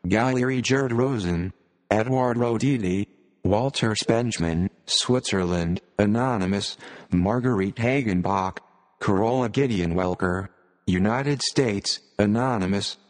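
A computer-generated male voice like an old speech synthesizer, reading scripted narration with stiff, robotic, measured phrasing. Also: fairly low pitch, in a large hall. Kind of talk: scripted narration, read aloud.

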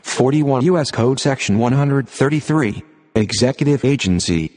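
A computer-generated man's voice reading formal text aloud as scripted narration, in an impersonal, measured manner. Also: mid-range voice, darkish tone, faint music behind. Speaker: narrator of an audio reading series. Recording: long hall-like reverb.

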